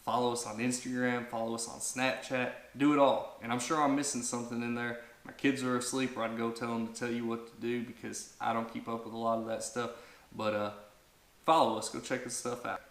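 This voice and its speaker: A man's voice: mid-range voice, level tone, fairly quick, a bit bright, echoey room. A man in his thirties hosting a family vlog, talking casually to camera and rambling with lots of fillers and restarts. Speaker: vlog host.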